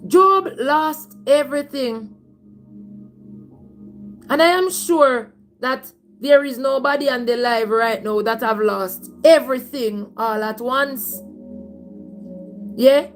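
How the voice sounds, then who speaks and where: High-pitched Jamaican woman preaching over music. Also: slow. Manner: emphatic, repeats phrases, slips into Patois. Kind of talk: livestream sermon, conversational storytelling.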